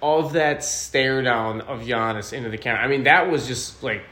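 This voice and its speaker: A man's voice: medium pitch, moderate pace, bright, forceful tone. Man, podcast host, enthusiastic and rambling, roomy sound, faint hiss. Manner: enthusiastic, rambling, talks straight to fans. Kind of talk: casual sports podcast chat.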